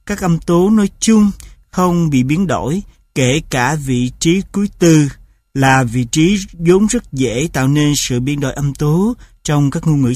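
A man reading a linguistics textbook aloud in a measured, even audiobook style, reciting examples in clipped rhythmic beats. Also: a little high, no echo, studio quality.

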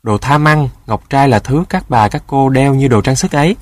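A man's voice: medium pitch, fairly quick, no echo, natural voice. A man voicing a sly male dog in a storybook tale who scolds and lectures in a mocking way.

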